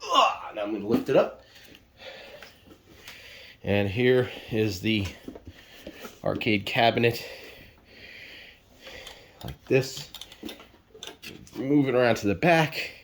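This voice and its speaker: A man's voice: medium pitch, sing-song, slow, pauses often, a bit bright, a little hiss or hum. A man giving casual unboxing commentary, rambling and unsure, thinking aloud with fillers as he moves around his home, sometimes drifting away from the camera mic. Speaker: product reviewer.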